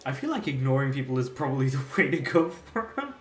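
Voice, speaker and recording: A man's voice: mid-range voice, big pitch swings, fast talker, soft background music. A young man from Australia, chatting casually and rambling while streaming a game. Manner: rambling, laid-back, self-amused. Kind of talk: casual live-stream chat. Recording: echoey room.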